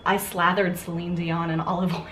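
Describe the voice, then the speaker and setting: A woman makeup artist chatting and telling stories while doing someone's makeup, giving gentle directions and laughing often. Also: lowish voice, little pitch movement, moderate pace. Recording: echoey room with faint noise.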